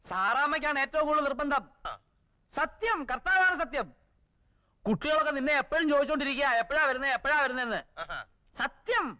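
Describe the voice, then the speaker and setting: A man's voice: very high-pitched, a little fast, pauses often, sharp tone, muffled recording, exaggerated voice. An actor playing a stubborn family man who scolds his wife and bosses a friend on the phone, in a film drama. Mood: bossy. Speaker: head of the family, guardian of the children. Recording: film soundtrack with music under.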